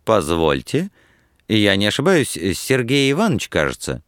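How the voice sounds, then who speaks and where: A man's voice: on the low side, huge pitch swings, moderate pace, a bit bright, clean tone, dry recording, studio quality. A male reader voicing a polite young man courteously offering drinks in an audiobook.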